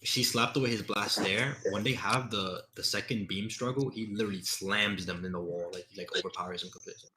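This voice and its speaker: A man's voice: on the low side, steady tone, brisk, few pauses, pushed and bright, a little hiss or hum. A man in a heated online debate, insistent, cutting in and repeating himself.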